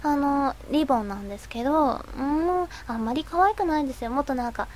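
High little voice, shy teen schoolgirl a woman puts on, stuffy nose from a cold, giggly and hesitant, reading comments on a live radio chat. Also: lively intonation, a little fast, slight background noise. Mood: shy chatter. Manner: soft, hesitant, giggly, trailing off. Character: shy teenage schoolgirl, fifteen. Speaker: radio host.

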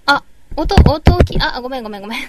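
A woman on a live stream, chatting casually while she fusses over her audio setup and reads chat comments into a boom mic. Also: expressive, fast, no room sound.

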